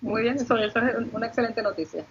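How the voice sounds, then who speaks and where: A woman's voice: fairly high pitch, quick pace, slight background noise. Puerto Rican woman explaining, slightly muffled sound. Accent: Puerto Rican Caribbean Spanish. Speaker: law lecturer and panelist. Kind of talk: panel discussion, explanatory.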